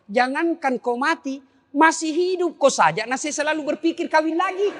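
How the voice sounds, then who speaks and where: A middle-aged man with a South Sulawesi accent preaching a comic sermon, animated and joking, swinging between high and low registers. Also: normal speed. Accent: South Sulawesi (Makassar) Indonesian. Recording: long hall reverb.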